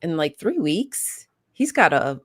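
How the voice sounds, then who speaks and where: A woman's voice: sits low, very animated, slow, slightly rough. A female podcast co-host in casual chat, chatty and encouraging.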